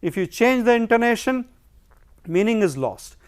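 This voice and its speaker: Guy teaching phonetics, high pitched, really clear smooth voice, asks himself questions then answers. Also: big pitch swings, moderate pace. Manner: explains step by step, poses and answers his own questions. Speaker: phonetics lecturer. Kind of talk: recorded lecture.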